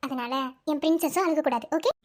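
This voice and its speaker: Woman voicing a high soft-spoken cartoon wife. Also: a little fast, lightly acted. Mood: soothing. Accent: Madurai Tamil. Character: tender young wife and mother. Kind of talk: cartoon voice acting.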